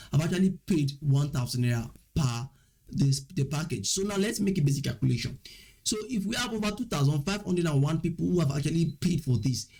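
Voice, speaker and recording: A man's voice: fairly high pitch, warm tone. A young man with a Nigerian accent, chatty and persuasive, walking viewers through an online money-making tutorial. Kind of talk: screen-share tutorial.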